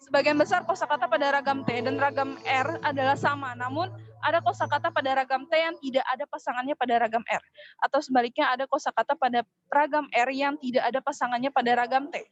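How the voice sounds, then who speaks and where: A young woman, a student, reading her part of a class presentation in a measured way with occasional small hesitations. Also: high-pitched, fairly even intonation. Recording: dull lo-fi recording.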